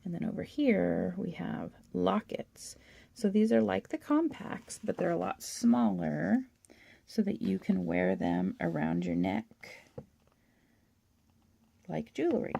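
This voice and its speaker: Hoarse woman with a gravelly voice. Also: lowish voice, slow, mellow. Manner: chatty, gushing, with little laughs. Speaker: toy collector channel host. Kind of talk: casual show-and-tell of a toy catalog.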